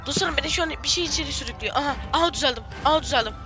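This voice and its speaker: A young gaming streamer, giving frantic, excited commentary in a squeaky, shrill voice and repeating phrases over and over. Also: rapid-fire, over music.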